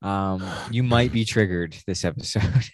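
A man's voice: lowish voice, normal speed, dry recording, studio quality. A man co-hosting a podcast, chatting casually in a joking, slangy way. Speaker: podcast co-host. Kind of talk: casual chat.

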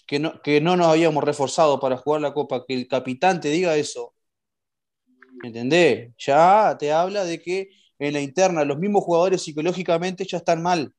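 Man, Uruguayan accent, slightly high pitch, explanatory, repeats phrases. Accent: Uruguayan Spanish. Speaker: podcast panelist. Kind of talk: football analysis chat.

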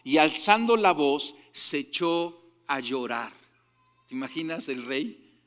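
A man preaching a sermon as a pastor, lively and often checking in with his listeners through quick questions. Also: on the high side, big-room sound.

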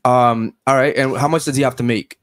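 A man's voice: medium pitch, fairly even intonation, fairly quick. A young adult man hosting a podcast, questioning guests in a blunt, crude, teasing way. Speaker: podcast host. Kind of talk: blunt questioning panel talk.

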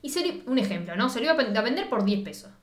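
A young woman with a Rioplatense accent, co-hosting a podcast and chatting casually about a film in an animated, slangy way. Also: on the high side, very fast, echoey room. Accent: Rioplatense Spanish. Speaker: podcast co-host. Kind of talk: casual chat reviewing a film.

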